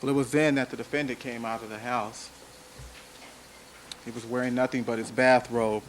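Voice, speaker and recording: Prosecutor, male, mid-range voice; slow, deliberate jury address with repeated phrases, in a hissy old courtroom recording. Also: medium pitch, flat delivery. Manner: measured, deliberate, emphatic repetition. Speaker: trial prosecutor. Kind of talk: courtroom opening statement. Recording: noisy archival courtroom audio.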